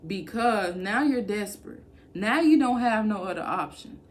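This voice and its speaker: A woman's voice: mid-range voice, lively intonation, normal speed. A woman giving casual, blunt work-from-home advice to camera, talking emphatically and colloquially.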